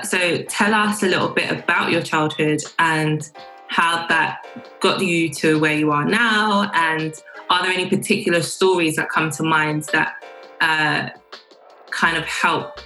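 Bright, low-voiced enthusiastic woman host. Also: fairly even intonation, measured pace, soft background music, rough recording. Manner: enthusiastic and encouraging, with warm interjections. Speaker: podcast host. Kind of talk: casual interview hosting.

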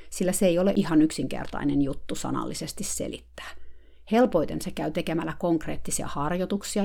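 A woman's voice: low-pitched, vocal fry, darkish tone. A woman reading her dated diary entry aloud in a dry, wry, mock-solemn storytelling manner. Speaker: blogger narrating a diary. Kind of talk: read diary narration.

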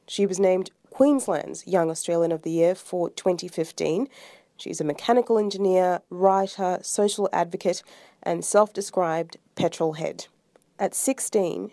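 Mellow low-voiced woman podcast host. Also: dry recording, studio quality. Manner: measured, upbeat introduction. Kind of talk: scripted intro and interview questions.

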